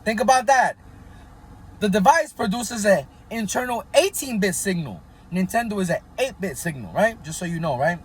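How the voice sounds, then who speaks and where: A man's voice: high voice, animated, normal speed, a little hiss or hum. A man hosting a casual commentary vlog, talking in a conspiratorial tone and constantly checking in with his viewers. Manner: conspiratorial, keeps asking "right?" and hedging "allegedly". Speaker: channel host.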